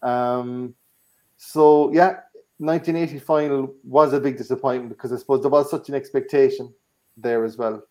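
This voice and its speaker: A man with an Irish accent talks casually about sport. His voice is mellow and relaxed, and he feels his way through his recollections a little hesitantly. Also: medium pitch, normal speed.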